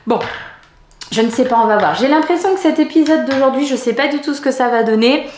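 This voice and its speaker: A middle-aged woman from France chats casually to her viewers, her voice sitting a little high. She rambles with frequent hesitations and soft laughs. The sound carries a roomy echo, as in an ordinary home. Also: brisk, a little hiss or hum. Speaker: knitting vlogger. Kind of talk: casual chatty vlog.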